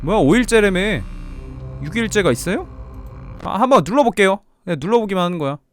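A man giving lively horror game commentary, excitable and quick to yelp and plead when under pressure. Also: sits high, soft background music. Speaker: game streamer.

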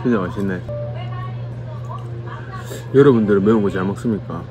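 A man's voice: on the low side, moderate pace, over music. A young man in a chicken restaurant, talking casually to his viewers with his mouth full while eating. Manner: chatty, addresses viewers directly. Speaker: vlogger. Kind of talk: casual food vlog chat.

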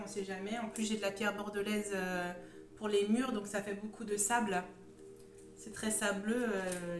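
Speaking at medium pitch, a Champagne-born woman in her thirties with a sore throat hosts her first homemade hobby vlog. Her manner is chatty, hesitant and wandering, and she records in a room at home with stone walls. The phone is held at arm's length or slightly further away, so the recording comes out roomy and echoing, with faint music in the background.

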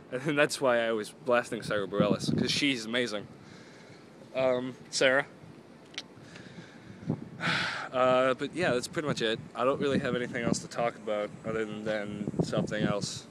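In a parking lot beside parked cars, a young adult vlogger rambles through a casual video, chatty and self-deprecating, repeatedly trailing off and restarting. He speaks at normal speed and an ordinary pitch, pausing often, while faint traffic hums in the background.

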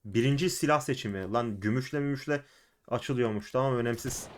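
A young man with a Turkish accent giving casual commentary as he plays an online game, shouting in fights and muttering between them. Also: mid-range voice, brisk. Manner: excitable, shouts and laughs during fights, mutters to himself between. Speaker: gaming YouTuber.

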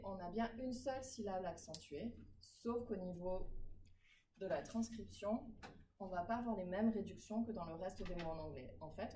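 A woman with a mid-range, dark-toned voice teaches phonetics in a classroom lecture, patiently explaining rules and frequently checking that her students are following. The recording is echoey and noisy, with the mic placed far away.

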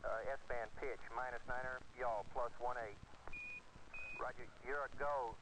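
Male ground controller, brisk steady confirmations, beeping space radio, hissy far-off archive sound. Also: mid-range voice. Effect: space radio transmission with beeps. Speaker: mission control communicator. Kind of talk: radio exchange with crew. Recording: noisy, distant archival radio link.

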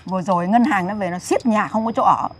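A woman in her sixties telling of her losses in a lamenting voice, then scolding loudly in an emotional real-life interview. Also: mid-range voice, fast talker, husky. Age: 60s.

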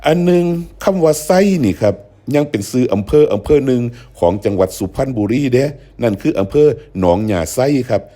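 An older man explains regional vocabulary in a patient, teacherly way. His voice sits low and sounds mellow and warm. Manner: patient, explanatory, acts out example phrases. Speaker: host. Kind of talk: explaining dialect words.

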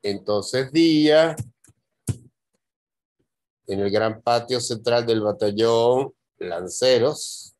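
A man's voice: mid-range voice, very slow, pauses often, a little mellow, no echo. A man reviewing a student's screenplay, thinking aloud as he reads and stopping to fix details. His voice sits in an ordinary middle register. The recording is dry and close, with no room sound. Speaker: screenwriting teacher. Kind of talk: script review.

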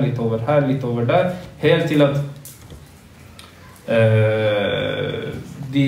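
A man's voice: medium pitch, darkish tone. Earnest man preaching in echoey mosque. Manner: earnest, preachy, repetitive emphasis. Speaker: mosque teacher. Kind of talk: religious lesson to boys. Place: large carpeted mosque room. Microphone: phone livestream from across the room. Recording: echoey room, speaker far from phone.

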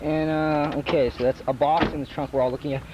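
A man's voice: fairly high pitch, little pitch movement, fairly quick. A man narrating a home video, chatting about what the camera shows, recorded on an old VHS tape with a built-in camcorder mic outdoors by a car. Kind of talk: casual camcorder commentary. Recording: dull hissy 1980s VHS camcorder tape.

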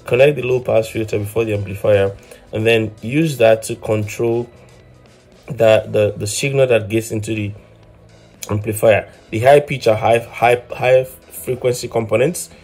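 A man in his thirties hosts an electronics DIY channel, walking through a casual hands-on tutorial step by step and often repeating words. His voice sits on the low side, with a darkish tone and a breathy edge.

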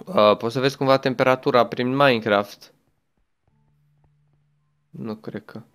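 A man's voice: medium pitch, steady tone, fairly bright tone, smooth. A young man chatting his way through a game as a gaming YouTuber, exclaiming often and talking to the game and a friend. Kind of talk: let's play commentary.

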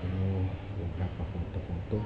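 A deep-voiced man from Makassar, Indonesia, vlogs a casual walking tour through the indoor halls of an old fort's museum, pointing out exhibits with lots of fillers. He speaks in a monotone at a fairly quick clip. The tinny, phone-like audio echoes off the rooms and carries loud noise.

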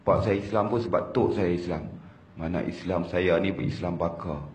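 A man in his thirties with a Malaysian Malay accent, giving an emotional religious testimony, repeating words and swinging between loud and hushed. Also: sits low, moderate pace, a little hiss or hum. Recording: roomy hall with faint ambience.

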